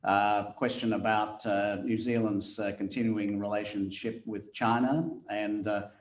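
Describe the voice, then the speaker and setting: A man's voice: fairly low pitch, little pitch movement, a little slow, reverberant. A man moderating a webinar, reading out audience questions hesitantly with many filler sounds.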